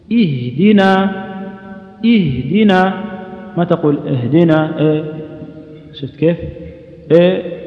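Male recitation teacher, a bit high-voiced, explains and demonstrates each word, recorded in a roomy, lo-fi hall. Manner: explanatory, demonstrates words repeatedly, asks rhetorical questions. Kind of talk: explaining Quranic pronunciation rules, with sung demonstrations. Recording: echoey, dull lo-fi hall recording.

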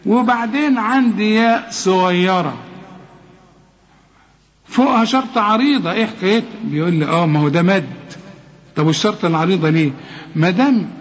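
A man with an Egyptian accent teaching Quran recitation rules, asking and answering his own questions and drawing words out slowly to demonstrate. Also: high voice. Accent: Egyptian Arabic. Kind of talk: tajweed lesson. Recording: reverberant, dull lo-fi recording.

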